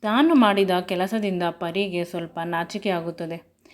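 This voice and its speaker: A woman reading a serialized romance story aloud in a steady, unhurried way. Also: lowish voice.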